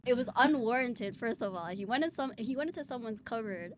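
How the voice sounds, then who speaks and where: A woman's voice: fairly high pitch, lively intonation, a little fast. A woman in casual chat, telling a story and laughing as she goes. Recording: faint background noise.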